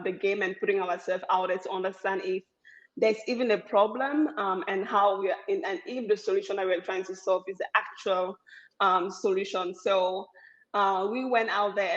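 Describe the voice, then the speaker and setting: A woman from Cameroon, a startup founder, speaking on a panel in a conversational way with many pauses and fillers. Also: medium pitch, lo-fi sound. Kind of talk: panel discussion.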